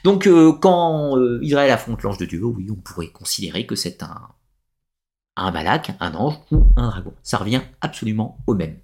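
A man's voice: medium pitch, very animated, moderate pace, a little mellow. Hesitant French-speaking man explaining on a live stream. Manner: digressive explainer with frequent hesitations. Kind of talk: live-stream talk answering chat comments.

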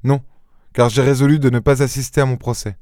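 A man reading a story aloud, voicing a suave, witty gentleman-thief who talks in a playful, ironic and airy way. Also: mid-range voice, level tone, fairly quick, no echo, studio quality, voice pushed up, close to an everyday voice. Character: suave witty male gentleman-thief, mocking and self-assured.

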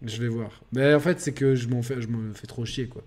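Over a crowd in the background, a man with a mid-range, slightly fast voice hosts a casual gaming podcast. He rambles with lots of fillers, getting excited and laughing.

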